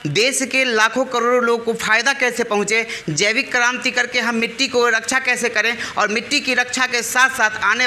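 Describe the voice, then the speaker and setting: Man, very high voice, piercingly bright tone, lively host addressing farmers, call-and-response, teacherly coaxing. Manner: animated, leads call-and-response chants; coaxing, teacherly, asks listeners to answer back. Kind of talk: live talk to a crowd of farmers. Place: outdoors at a village temple among farmers.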